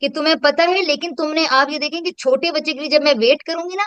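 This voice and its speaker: A woman's voice: sits high, steady tone, fast, fairly bright tone, no room sound, muffled recording. A woman, explaining her teaching in a reflective, conversational way and mixing in English terms. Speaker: educator and host. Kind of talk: casual conversational teaching talk.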